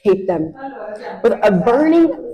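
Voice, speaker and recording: A woman's voice: a little high, big pitch swings, takes it slowly, mellow, lo-fi sound. A young woman co-hosting a casual chat podcast, ranting with exaggerated, playful sarcasm. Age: young adult. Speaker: podcast co-host.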